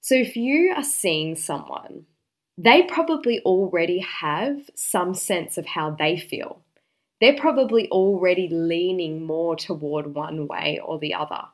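Confident woman giving direct advice, lower-pitched. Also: animated, measured pace. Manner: confident, direct, emphatic counselling. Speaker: dating advice host. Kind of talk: relationship advice talk.

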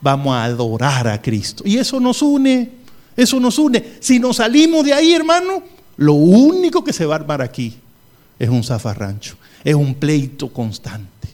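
Middle-aged pastor guy preaching, higher voice, jumps way up when he pushes a point, jokes around. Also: big pitch swings, normal speed, darkish tone. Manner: wide swings in pitch, emphatic repetition, humorous asides. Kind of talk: sermon.

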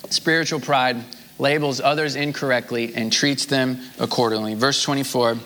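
A pastor preaching a sermon, earnest, reading scripture with rising intensity. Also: male voice, medium pitch, steady tone, normal speed, sharp tone, long reverb tail, a little hiss or hum.

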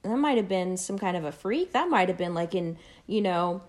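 A woman's voice: fairly low pitch, lively intonation, moderate pace, darkish tone. A woman in casual movie chat, talkative and laughing, who swears now and then.

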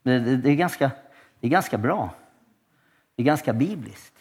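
A male pastor giving a church sermon, telling stories with lots of restarts and bursts of excitement. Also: mid-range voice, slightly rough. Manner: lively storytelling with frequent restarts and rising excitement.

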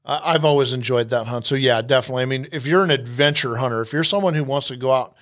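A man's voice: medium pitch, fast talker, a bit bright. A man hosting a casual podcast about hunting trips, talking in a rambling way with many restarts and fillers. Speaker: podcast host and hunting outfitter.

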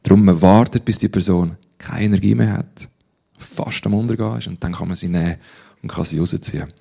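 A man's voice: low voice, a little fast, vocal fry, dark tone, breathy edge. A man with a Swiss German accent preaching a sermon in a direct, conversational way, often turning to the listeners with rhetorical questions. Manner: conversational, direct, with frequent rhetorical "hey" and "oder?".

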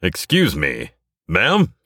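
A man voicing a debonair, smooth-talking hero who is vain and dramatic. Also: low voice, huge pitch swings, slow pace, pushed and bright, no echo, studio quality, pitched above the performer's own voice, full character voice.

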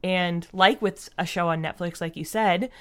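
The woman's voice is lowish, smooth, and a bit bright, moving at a moderate pace. She's an audio drama writer being interviewed, speaking casually in a reflective, explanatory way and frequently saying "like."

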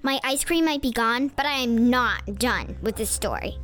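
An actress playing an eager listener in a conversational audio drama scene. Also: female voice, fairly high pitch, moderate pace, lightly acted. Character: eager female listener to a story. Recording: loud music under the voice.

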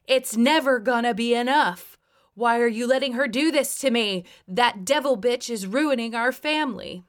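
A woman's voice: sits high, lively intonation, normal speed, sharp tone, pitched above the performer's own voice. A woman voicing a bitter, hysterical middle-aged mother-in-law who screams her accusations. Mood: shrieking.

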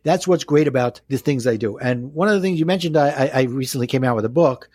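A man's voice: medium pitch, quick pace, darkish tone, slightly rough, no room sound, studio quality. A man with a Brooklyn accent talking as a life coach in an interview, explaining step by step with rhetorical questions. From Brooklyn, New York.

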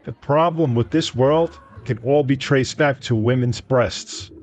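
A man voicing his drunk business partner, who rants loudly and theatrically like a preacher at a bar. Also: medium pitch, unhurried, pitched above the performer's own voice, lightly acted. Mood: ranting. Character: drunk, boastful male business partner ranting. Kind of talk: audiobook character voice.

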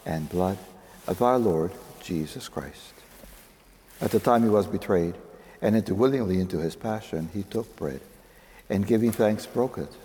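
A male priest prays the liturgy in a soft, mellow voice that sits fairly low. His phrasing is solemn and measured, and it rings through a long cathedral echo with some noise around it. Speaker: priest celebrating Mass.

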